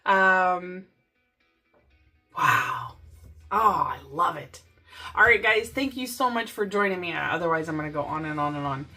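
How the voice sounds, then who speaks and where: A middle-aged woman hosting a casual DIY crafting vlog from a home craft room, gushing and excited as she talks to her viewers. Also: on the low side, measured pace, soft background music. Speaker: crafting channel host.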